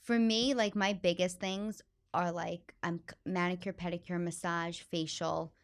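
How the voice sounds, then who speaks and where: A woman from the Bronx with a New York accent talks in an interview as a comedian guest. Her voice sits a little low, and her delivery is loud, expressive and full of energy. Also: a little slow. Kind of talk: casual interview chat.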